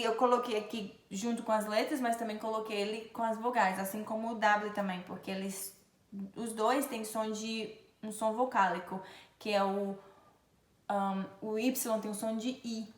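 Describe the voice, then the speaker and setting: A woman's voice: medium pitch, fairly even intonation, echoey room. A woman from Brazil with a Brazilian accent, teaching letter sounds in a pronunciation lesson and stretching out each example. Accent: Brazilian Portuguese. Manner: slow, drawn-out demonstration of sounds. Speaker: Portuguese teacher.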